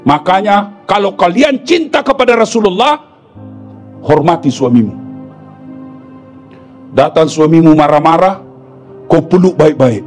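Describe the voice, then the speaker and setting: High-voiced preacher, joking and scolding. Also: male voice, lively intonation, measured pace, pauses often, soft background music. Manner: playful, switches to shouted scolding of the women listeners. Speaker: Islamic preacher. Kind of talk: humorous sermon with acted jokes.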